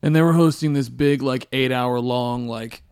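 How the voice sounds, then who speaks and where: A man's voice: mid-range voice, normal speed, darkish tone, clear, resonant tone, no echo, clean studio sound. A young man co-hosting a casual podcast from an apartment, rambling and restarting his sentences. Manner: rambling, repeats words as he starts sentences. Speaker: podcast co-host. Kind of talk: casual chat. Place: apartment living room.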